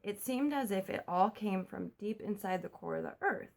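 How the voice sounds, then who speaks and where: A young woman from the US records a casual home vlog on her phone at night, talking quickly and chattily in a hushed voice. Her voice is medium-pitched and a little mellow, creaky, with lively intonation.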